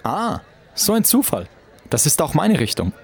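An actor playing a courteous, world-weary knight with a dry, measured manner in an audio drama. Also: male voice, fairly high pitch, huge pitch swings, creaky, slight background noise, full character voice. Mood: courteous, inviting. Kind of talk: scripted audio drama acting.

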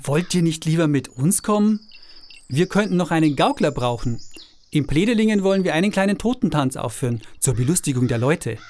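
An actor playing a glib, theatrical travelling minstrel who cajoles people in an audio drama. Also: male voice, a little high, lively intonation, fairly quick, a little mellow, lightly acted. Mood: cajoling. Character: brash, persuasive travelling minstrel and showman. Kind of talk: scripted audio drama acting.

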